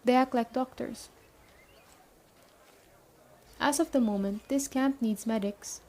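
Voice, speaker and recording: Speaking in her natural voice, slightly high and very soft-edged and mellow, a woman portrays a tough but caring leader of an apocalypse survivor camp. She addresses the listener directly in a matter-of-fact, brisk ASMR style, earnest and businesslike.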